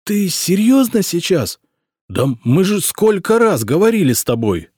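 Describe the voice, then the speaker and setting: A man reading an audiobook, voicing a gruff, irritable middle-aged emperor who grumbles and barks at his servant. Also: high-pitched, big pitch swings, measured pace, darkish tone, no room sound, clean studio sound, voice pushed up, full character voice. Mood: angry barking. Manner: barking, exasperated outbursts.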